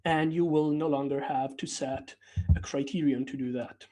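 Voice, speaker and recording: A developer relations presenter, a native Italian speaker, walks through a technical product update conversationally, with many fillers and restarts. His voice is on the high side and mellow, with fairly even intonation and a moderate pace.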